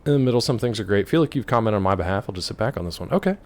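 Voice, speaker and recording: A man's voice: on the low side, expressive, racing. A man giving casual, rambling gameplay commentary, joking playfully as he chats with his viewers. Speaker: game streamer.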